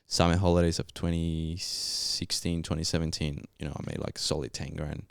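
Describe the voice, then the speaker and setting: A man's voice: extremely low pitch, little pitch movement, normal speed, vocal fry, clean tone, no echo, clean studio sound. A young man from Colombia, a native Spanish speaker, telling his story casually in an interview with laid-back, slangy Australian-style phrasing. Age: young adult. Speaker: podcast guest, geologist.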